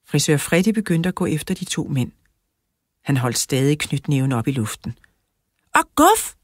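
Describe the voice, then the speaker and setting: A woman reads a children's book aloud in a steady storytelling manner. Her voice is low and husky. It is recorded close and dry, with no room sound. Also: no echo. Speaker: audiobook narrator. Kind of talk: children's audiobook reading.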